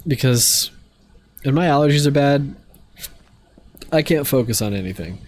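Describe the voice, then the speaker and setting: A young streamer chats casually with viewers while gaming, sounding a bit stuffy from allergies. His medium-pitched voice moves at normal speed in a relaxed, rambling way packed with fillers.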